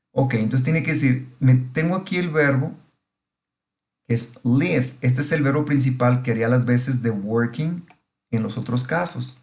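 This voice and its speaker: A man's voice: mid-range voice, gravelly, darkish tone. A middle-aged man, an English teacher giving a recorded grammar lesson, explaining patiently step by step and often checking that students follow.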